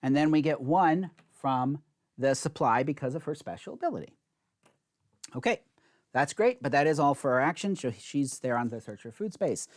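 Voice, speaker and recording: A man's voice: on the high side, lively intonation, normal speed. Man talking through a board game. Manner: explains rules step by step while playing; chatty, self-mocking asides. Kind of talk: solo board game playthrough.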